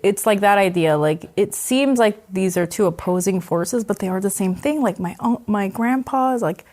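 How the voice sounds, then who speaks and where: A woman's voice: mid-range voice, normal speed, darkish tone. A woman in her forties from South Korea, a comedian and author talking as an interview guest in a chatty way, laughing often and saying "like" a lot. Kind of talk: casual interview conversation.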